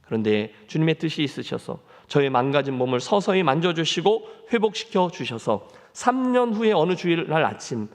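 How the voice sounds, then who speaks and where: A male pastor preaches in a church sanctuary, his voice high and swinging widely in pitch. He tells his story earnestly and turns often to the congregation. A long reverb of the hall trails behind each phrase. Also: a little mellow. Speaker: senior pastor. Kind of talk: sermon.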